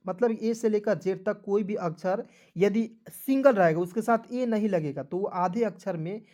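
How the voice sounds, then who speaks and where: A man's voice: high voice, moderate pace, mellow. Fields: sex: man. Style: spelling lesson. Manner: spells words letter by letter, often asking "ठीक है ना"; friendly, calls viewers friends. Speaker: English teacher.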